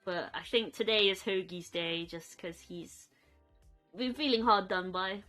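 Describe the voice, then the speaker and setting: A young woman chatting casually on a live stream from her bedroom, soft and rambling, cooing at her pets. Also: mid-range voice, unhurried, soft background music.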